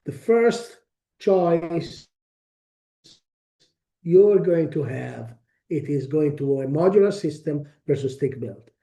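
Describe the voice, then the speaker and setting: A man with a strong Italian accent presenting a technical webinar, speaking haltingly with frequent pauses and restarts. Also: on the high side, expressive, gravelly, warm tone. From Italy. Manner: halting, many fillers and restarts.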